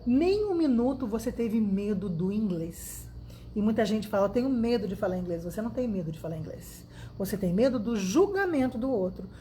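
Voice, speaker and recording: A woman teaching English in a casual video lesson, talking lively and directly to the viewer. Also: fairly high pitch, normal speed, slight background noise. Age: 50s.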